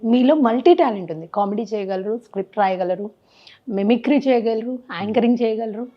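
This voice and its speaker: A woman's voice: on the high side, fairly quick. Encouraging woman interviewer, lo-fi sound. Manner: encouraging, frequent short acknowledgements. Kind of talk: casual interview. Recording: slightly dull, lo-fi sound.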